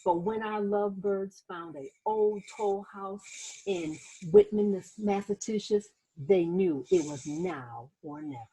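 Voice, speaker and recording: Here a woman with a medium-pitched, breathy-edged voice reads a picture book for children, slowly and expressively, adding asides to the young audience as host. The audio quality is poor.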